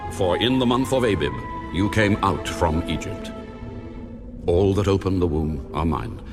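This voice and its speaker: An actor playing God as a solemn, commanding lawgiver in a dramatized audio Bible, declaiming with authority. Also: male voice, lowish voice, natural voice.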